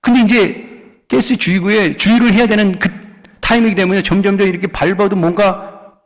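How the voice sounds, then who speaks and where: A man preaching a sermon as senior pastor. He hammers key words by repeating them and moves between loud stresses and soft asides. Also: high-pitched, steady tone, fairly quick. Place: church sanctuary. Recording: long church hall reverb.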